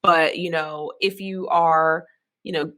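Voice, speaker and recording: A woman's voice: low voice, steady tone, takes it slowly, bright, forceful tone, no echo. A woman from Philadelphia co-hosting a podcast, talking in a frank, rambling way full of "like" fillers. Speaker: podcast co-host. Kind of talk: casual discussion.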